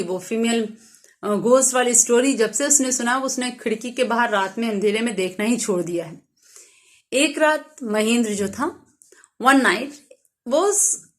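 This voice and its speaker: A young woman teacher retelling and explaining a story for a class, mixing in English lines and pausing to gloss words. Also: on the high side.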